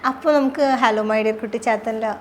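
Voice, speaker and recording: High-voiced chatty woman host. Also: steady tone, quick pace, a little hiss or hum. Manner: chatty, upbeat questions. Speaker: interview host. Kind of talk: casual interview chat.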